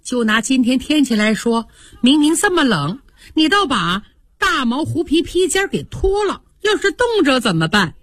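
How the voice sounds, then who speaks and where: A woman voicing a quick-tempered, sulky young noblewoman who speaks in a petulant, cutting way, in a radio storytelling. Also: high voice, big pitch swings, fairly bright tone, no echo, studio quality, heavily acted. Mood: teasing.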